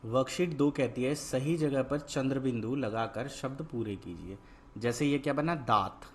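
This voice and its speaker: A man's voice: mid-range voice, normal speed, a little mellow, a little hiss or hum. Patient male Hindi tutor drilling words. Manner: repetitive questioning, patient drilling of each word. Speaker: Hindi teacher. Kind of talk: worksheet lesson, call and response.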